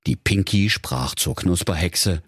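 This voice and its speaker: A man narrating a comic fairy tale in a lively, playful storytelling manner, with a husky voice. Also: low voice, measured pace, dry recording, clean studio sound.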